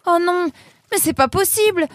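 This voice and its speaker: An excitable young male reporter from a children's audio story, as a woman reads him aloud, eager and a little clumsy. His voice jumps up high and loud whenever he is surprised or worried, tumbling out breathless. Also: moderate pace, no echo, studio quality. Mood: excited.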